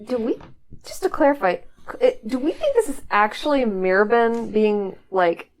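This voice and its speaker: A woman's voice: fairly high pitch, expressive, measured pace. A woman chatting casually as a player in a tabletop role-playing game.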